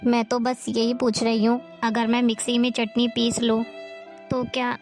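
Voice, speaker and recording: A woman's voice: a little high, completely flat delivery, moderate pace, darkish tone, faint music behind, lightly acted. A woman playing a young pregnant daughter-in-law who pleads politely in a family drama. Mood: pleading.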